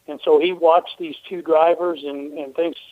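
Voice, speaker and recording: A man's voice: on the high side, steady tone, normal speed. A man, a race team owner, talking through a radio interview by phone, explaining steadily with lots of "uh" fillers. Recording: tinny phone line.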